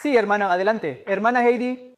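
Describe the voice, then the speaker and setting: A woman giving a measured, explanatory talk as a guest speaker, answering audience questions at a church event. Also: on the high side.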